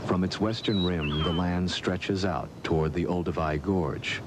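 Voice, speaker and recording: A man reading scripted nature documentary narration in a measured, formal storytelling way. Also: sits low, background noise.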